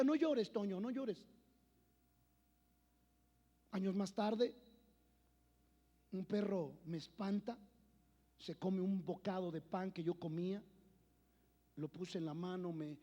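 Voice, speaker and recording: Man, pastor, high voice, preaching a sermon, loud one moment and hushed the next, long hall echo. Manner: swings between loud preaching and hushed personal storytelling. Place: church. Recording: long church hall reverb.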